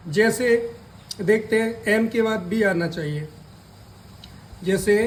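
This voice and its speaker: A man teaches in a high voice at a slow, deliberate pace. He repeats each key word and asks questions he answers himself, with faint ambience behind him. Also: a little mellow, a little hiss or hum, low-quality recording. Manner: deliberate, drawn-out spelling of letters. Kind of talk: slow spoken lesson.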